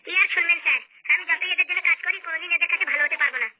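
Sharp-tongued young wife , played by a woman, very high and very fast, tinny phone-like sound. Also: no echo. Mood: aggrieved. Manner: rapid, shrill bickering. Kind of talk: comic audio skit.

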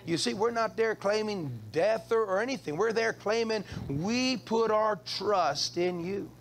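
A pastor leads a midweek church service in a high tenor voice. He preaches in a call-and-response style, asking the congregation for an amen and breaking into sudden high-pitched shouts of praise. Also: measured pace, gravelly. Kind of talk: Wednesday evening sermon.

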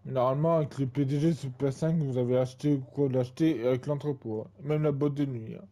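A man's voice: medium pitch, steady tone, fast talker, mellow. A man in his twenties giving casual gameplay commentary, rambling and full of fillers and repeated tags. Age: 20s. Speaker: gaming channel host.

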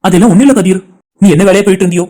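Performer doing a worried cartoon young man, subdued and evasive, talks very fast. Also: mid-range voice, mellow, lightly acted. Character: worried young man searching for his brother. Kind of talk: animated cartoon dialogue.

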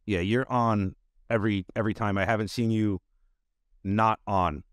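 A man's voice: fairly low pitch, fairly even intonation, moderate pace, no echo, studio quality. A middle-aged man hosting a podcast interview over a video call, talking casually and padding his sentences with "you know". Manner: rambling, full of "you know" fillers. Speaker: podcast host. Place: home studio with bookshelves. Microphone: desk mic on video call.

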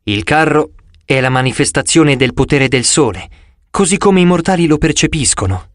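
Male reader as a swaggering sun god, teasing and breezy, lively swings in tone, dry close sound. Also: fairly high pitch, normal speed, dry recording, close to an everyday voice.

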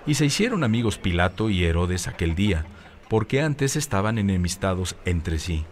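A man reading a Bible passage aloud in a steady, even manner. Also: low-pitched, moderate pace, slight background noise. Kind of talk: scripture reading.

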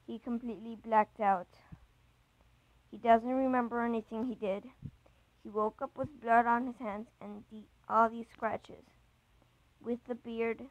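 A woman's voice: on the high side, no room sound, rough recording. A woman reading a chat story aloud, voicing an anxious young man who hesitates and stumbles over his words. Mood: hesitant.

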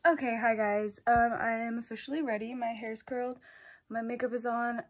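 A woman's voice: fairly high pitch, steady tone, moderate pace. A teenage girl in casual vlog chat, chatty and rambling with lots of fillers, filmed on a phone. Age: teens. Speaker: vlogger, show choir member.

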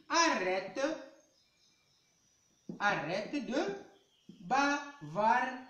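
A male primary school French teacher leads a live online lesson from an indoor chalkboard, slow, patient and coaxing, with a lively pitch. He keeps saying "allez" to prompt his pupils, and the room sounds roomy and echoey.

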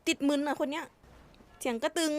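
Woman gamer, high voice, blunt and teasing, swears a lot. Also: fairly even intonation, brisk. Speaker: roleplay gamer. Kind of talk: casual game chat.

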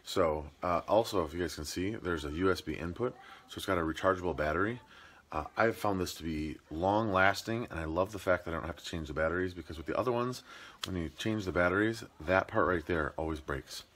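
A man's voice: low voice, a little fast, fairly bright tone, slight background noise. A man in his thirties with a Midwestern American accent, filming himself at arm's length at home as he chats his way through a gift list for his vlog. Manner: chatty and jokey, with plain product talk. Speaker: homestead vlogger. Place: home rooms and a garage, indoors. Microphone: handheld camera at arm's length.

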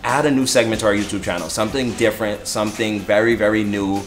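A man's voice: fairly low pitch, steady tone, fast talker. Casual young man in an echoey room. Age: 20s. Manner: repeats phrases for emphasis. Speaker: co-host answering viewer questions. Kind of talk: casual group chat. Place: living room couch, indoors. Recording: roomy echo, music behind.

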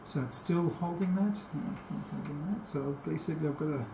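Gravelly and fairly high-pitched, a man in his sixties explains a tape machine setup step by step during an unscripted, hands-on demo, pausing often mid-task. The sound comes from a camera mic in a small, cluttered indoor workshop that's echoey, with faint background noise.

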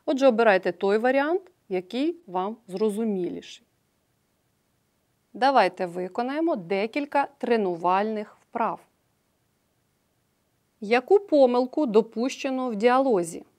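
A woman teacher giving an online grammar lesson, patiently explaining each step and often checking in with a quick "right?". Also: fairly high pitch, lively intonation, darkish tone.

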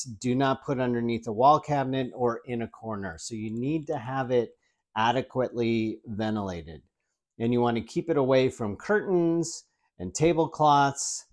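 This medium-pitched, slightly mellow voice belongs to a tech reviewer in his forties giving a casual product demo in his home kitchen near an open window. He talks through the gadget while handling it, with frequent ums and restarts picked up by his lapel mic.

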